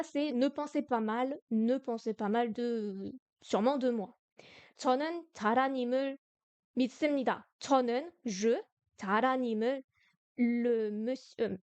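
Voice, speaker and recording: A woman teaching a beginner Korean lesson in French on a live stream, explaining slowly, repeating words and correcting herself. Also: sits high, darkish tone, no room sound.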